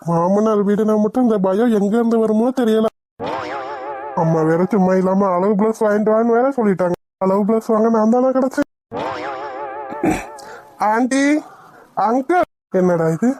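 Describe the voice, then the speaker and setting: A woman's voice: mid-range voice, warm tone, dry recording, natural voice. A woman voicing a nervous, bashful, hulking young male doctor who mutters to himself in a cartoon. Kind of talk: cartoon voice acting.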